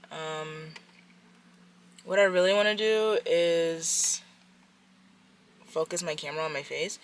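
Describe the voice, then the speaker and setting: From the driver's seat of her parked car, a young Washington DC-area woman vlogs casually to her camera in a rambling, chatty, self-deprecating way. Her voice is on the low side with a fairly bright tone. The vlog camera's mic adds a little hiss or hum.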